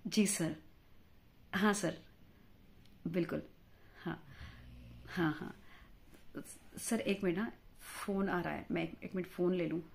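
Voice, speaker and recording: A woman's voice: on the low side, steady tone, takes it slowly, vocal fry, long pauses. A woman playing a chatty, quarrelsome married mother in a comic monologue, fawning and talkative as a job candidate for a news anchor post. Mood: eager, polite. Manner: chatty, fawning toward interviewer, mixes English words into Hindi.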